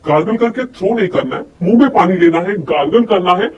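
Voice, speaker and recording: Speaking a little fast in a husky, fairly low voice with the highs cut off, a woman leads a voice coaching lesson. She develops listeners' voice and personality by talking to them directly, demonstrating and asking rhetorical questions. The mic is distant, with faint noise in the background.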